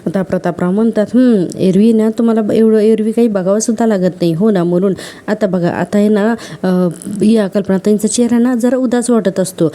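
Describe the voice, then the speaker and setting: A woman's voice: mid-range voice, steady tone, a little fast, warm tone. A woman casually retelling a TV serial episode, quoting each character's lines with fillers and self-corrections. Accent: Marathi.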